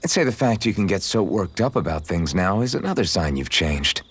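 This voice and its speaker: Voicing the same relaxed, humble young swordsman in a game cutscene, the actor uses a low, exaggerated voice with a breathy edge. The delivery is very animated and brisk, casual and lightly teasing.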